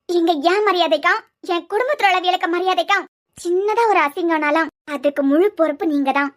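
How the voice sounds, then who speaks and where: Woman voicing a shrill defiant young wife. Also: a bit bright. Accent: Kanyakumari Tamil. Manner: reproachful, lecturing, defiant. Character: young wife, proud, fiercely defends her family. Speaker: cartoon character. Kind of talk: cartoon web series dialogue.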